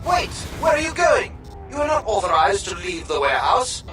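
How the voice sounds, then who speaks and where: A man's voice: high-pitched, big pitch swings, moderate pace. A man voicing an officious male warehouse guard droid with a metallic robot voice, giving stiff commands heard from a distance over game music. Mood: commanding. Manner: stiff, commanding, shouts orders.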